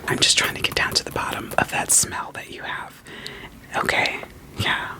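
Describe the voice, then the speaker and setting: Whispering at a moderate pace, a woman acts as a therapist in a soothing ASMR roleplay, playfully asking gently probing questions and returning to short repeated phrases.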